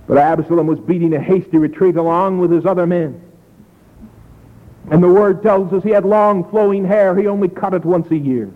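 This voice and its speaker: A man preaching an evangelistic sermon, telling the story dramatically and dropping from loud to hushed. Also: high-pitched, moderate pace. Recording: tinny lo-fi echoey hall.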